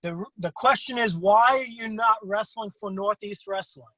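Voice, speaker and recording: A man hosting a casual interview over a video call who swears freely and jumps into excited voices when he quotes other wrestlers. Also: normal speed, no room sound, poor audio. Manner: profane, swears freely in anecdotes; acts out quotes with big pitch jumps. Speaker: interview host.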